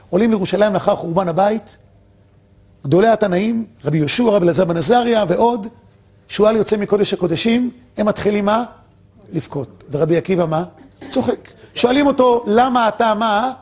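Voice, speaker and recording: A man giving an animated Torah lesson, questioning his audience and answering himself, swinging between loud peaks and quiet drops. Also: high-pitched, husky. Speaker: rabbi teaching Torah.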